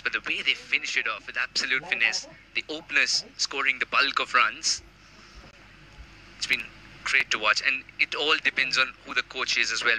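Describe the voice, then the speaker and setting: Male cricket pundit, bright and crisp, breaks down tactics in live co-commentary. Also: medium pitch, a little hiss or hum, poor audio. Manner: analytical, explains tactics.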